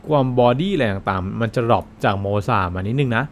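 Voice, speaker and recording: A man's voice: on the low side, animated, quick pace, slight background noise. A man co-hosting a casual podcast, talking in a chatty, easygoing way and laughing often. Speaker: podcast co-host explaining coffee.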